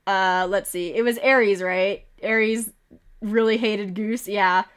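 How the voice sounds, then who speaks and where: A woman's voice: medium pitch, steady tone, fairly bright tone, clear, resonant tone. A woman streaming a game, reading events aloud with amused asides, a little sick with occasional coughs. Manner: reads events with quick amused asides and chuckles.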